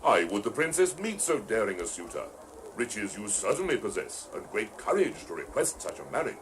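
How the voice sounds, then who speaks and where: Storybook king, regal, courteous, amused, formal measured delivery, faint background noise. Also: on the low side, big pitch swings, rough recording. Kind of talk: audio storybook drama.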